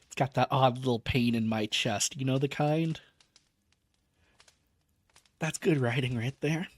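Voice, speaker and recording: A man reading a novel aloud as a streamer, gentle and emotional, pausing to chat about the story. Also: mid-range voice, dry recording. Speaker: vtuber book reader.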